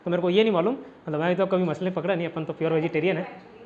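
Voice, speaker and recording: A man's voice: sits high, fairly even intonation, fast talker, a little mellow, dull audio. A man from India teaching a casual vocabulary lesson in a classroom, explaining each word with repeated rhetorical questions.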